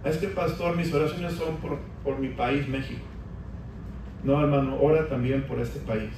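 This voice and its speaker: High-voiced pastor preaching in an echoey church. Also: male voice, steady tone, moderate pace, noisy background. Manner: preaching with emphatic rises, addressing the congregation as brothers. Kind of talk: Spanish-language sermon. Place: large church hall. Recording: echoey church hall from a distance.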